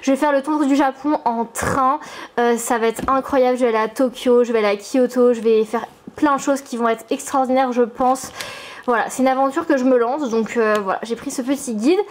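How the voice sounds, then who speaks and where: Young French woman, high voice, chatty at-home vlogger, upbeat and full of fillers. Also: steady tone, brisk, slight background noise. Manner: chatty, enthusiastic, filler-heavy. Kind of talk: casual chatty vlog. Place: her apartment.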